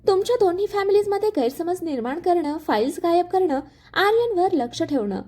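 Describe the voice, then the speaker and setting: A woman voicing a cold, scheming male villain who talks with calm, mocking menace. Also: very high voice, brisk, pitched above the performer's own voice.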